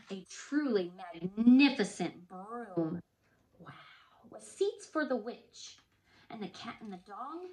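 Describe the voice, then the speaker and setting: Preschool teacher, woman, animated storyteller, at home, a bit high-pitched. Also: rough recording. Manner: animated, gasping storyteller; chatty with children. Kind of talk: reading a picture book aloud to children.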